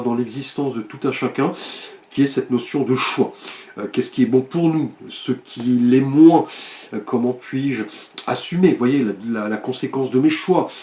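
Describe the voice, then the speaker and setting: A man giving a weekly zodiac oracle card reading, speaking to viewers directly in a hesitant, gently reassuring way, with many filler sounds. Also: medium pitch, roomy sound. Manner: hesitant, full of filler sounds and tag questions.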